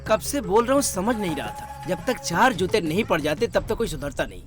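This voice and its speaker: A brash young friend teases and bickers loudly in a dubbed action film. His voice sits high for a man, with a bit of music behind. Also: very animated, fairly quick. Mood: teasing. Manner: brash, teasing.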